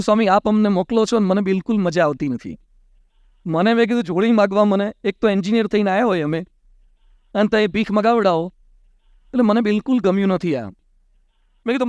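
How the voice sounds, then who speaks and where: In studio-quality audio without echo, a monk with a clear, resonant voice that sits high gives a religious discourse. His sermon is built on anecdotes told in a conversational way, with the dialogue performed aloud.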